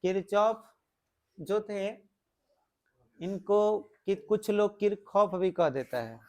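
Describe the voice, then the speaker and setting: A man's voice: sits high, lively intonation, slow pace, a little mellow. A male physics teacher, giving a classroom lecture, explaining step by step and asking the class questions.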